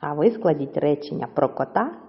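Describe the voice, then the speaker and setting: A woman's voice: low-pitched, animated, moderate pace, creaky, in a large hall, lo-fi sound. A woman teaching young children, patiently stretching words out syllable by syllable.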